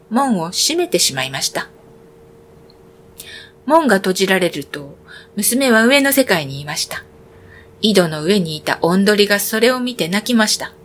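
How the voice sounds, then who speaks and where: Woman storyteller, children's fairy-tale reading, clear and expressive, mid-pitched.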